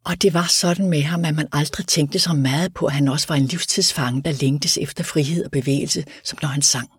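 Male audiobook reader, calm and even, husky, dry booth. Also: on the high side, no echo. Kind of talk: scripted narration.

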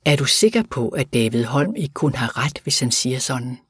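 A man voicing a young slum sister who fights back tears and then speaks firmly, with a husky voice. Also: medium pitch, dry recording, clean studio sound, close to an everyday voice. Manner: tearful yet sharp. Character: young woman, grieving slum sister, firm.

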